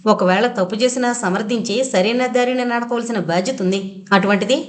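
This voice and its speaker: A woman voicing a quick-tempered young woman who scolds sharply and sarcastically in a storybook reading. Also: fairly high pitch, close to an everyday voice. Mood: angry. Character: fiery young woman Vijaya, quick-tempered elder sister.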